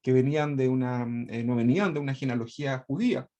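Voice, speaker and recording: A man's voice: mid-range voice, fast, dark tone. A man teaching a church Bible class in a conversational way, tagging nearly every phrase with a question and acting out quotes with emphasis. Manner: conversational, constantly adds tag questions; acts out quoted speech with dramatic emphasis.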